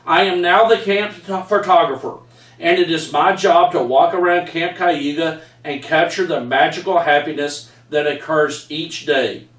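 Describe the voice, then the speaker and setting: A Texan author in middle age reads aloud from his book, sharing a personal story with folksy charm and a "y'all" here and there. He talks at normal speed, his somewhat high male voice fairly bright in tone. He's recorded indoors at home among framed pictures by a distant camera, so the sound is far away and reverberant.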